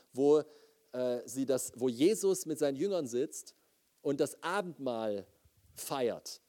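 A man preaching a lively sermon, often putting questions to his audience. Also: mid-range voice.

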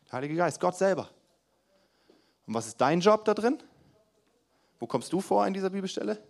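Young man, sermon, punchy emphatic delivery then hushed asides, addresses the congregation directly, church hall. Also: high-pitched, moderate pace, vocal fry. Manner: lively, swings between loud emphasis and quiet asides, talks to the congregation directly. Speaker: preacher.

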